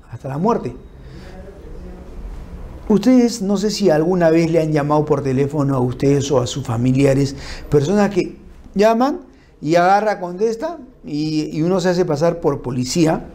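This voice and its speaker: A man giving an informal law lecture, explaining through lists and examples and checking in with his listeners with quick tag questions. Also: high-pitched, dark tone. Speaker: criminal law instructor. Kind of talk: informal lecture on forensic principles.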